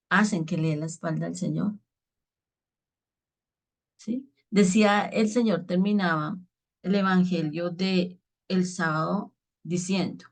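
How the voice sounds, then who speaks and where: A woman preacher speaks in a somewhat low voice, giving an earnest reflection on the daily gospel. She keeps checking in with her listeners as she talks. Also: darkish tone.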